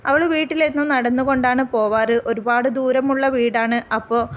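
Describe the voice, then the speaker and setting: A woman narrates a melodramatic life story in steady, plain storybook narration, her voice pitched high and light. A faint hiss of noise runs underneath the reading. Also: moderate pace, lo-fi sound.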